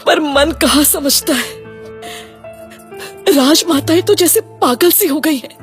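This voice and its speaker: A woman's voice: high voice, slow pace. An actress playing an anxious, grieving queen who speaks in a fearful, pleading way in an audio drama. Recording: music bed underneath.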